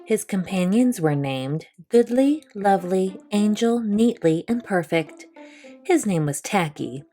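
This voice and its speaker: Animated woman reading a picture book. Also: mid-range voice, unhurried, soft background music. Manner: expressive storytelling. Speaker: storyteller. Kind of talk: children's picture book read-aloud.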